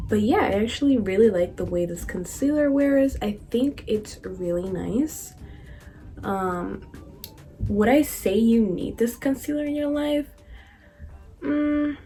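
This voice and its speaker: A woman's voice: medium pitch, warm tone. A young woman makeup vlogger giving a casual, chatty product review, speaking directly to her viewers with lots of fillers.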